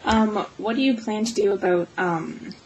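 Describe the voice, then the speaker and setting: A woman interviewer asking measured questions with fillers. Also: mid-range voice, a little mellow, slight background noise, low-quality recording.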